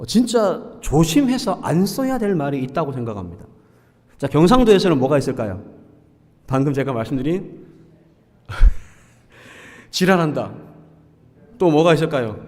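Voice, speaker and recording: A male pastor preaches from the pulpit with a fairly high voice that swings widely in pitch. He keeps turning to the congregation with questions. The sound rings with a long church-hall reverb. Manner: lively, asks the congregation questions and acts out quoted insults. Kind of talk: sermon. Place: church sanctuary.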